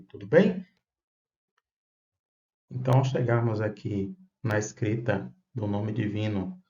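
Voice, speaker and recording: A man's voice: mid-range voice, mellow. A man explaining a lesson, patient and methodical, checking in with listeners as he goes. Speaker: Bible teacher. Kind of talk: explanatory lesson on Hebrew phonetics. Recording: roomy, dull sound with faint guitar music.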